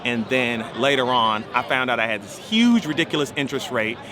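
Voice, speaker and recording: A man being interviewed tells a personal story, restarting his sentences often in an animated way. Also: mid-range voice, a little fast, background noise.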